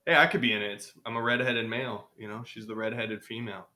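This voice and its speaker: A man's voice: fairly low pitch, fairly even intonation, fast, sharp tone. A young man co-hosting a gaming podcast in casual chat, laid-back, saying "dude" and laughing often. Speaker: podcast co-host.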